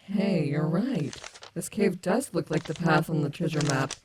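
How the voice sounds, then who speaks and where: A woman's voice: low-pitched, lively intonation, measured pace, darkish tone, a little hiss or hum, rough recording. A woman voicing a confident, playful animatronic wolf, cocky and teasing yet tender, in an audio roleplay. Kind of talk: ASMR audio roleplay, companionable acting.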